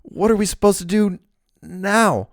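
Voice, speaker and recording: A man voicing a high-pitched, whiny male thug who complains and stammers in a spoken fantasy novel. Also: unhurried, dry recording, clean studio sound. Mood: complaining.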